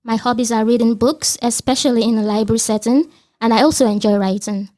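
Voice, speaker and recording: A young woman from Nigeria speaks steadily for a student podcast. Her voice is somewhat high. She sounds like she is reading from a prepared text. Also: steady tone, quick pace, darkish tone. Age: young adult. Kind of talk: scripted podcast talk.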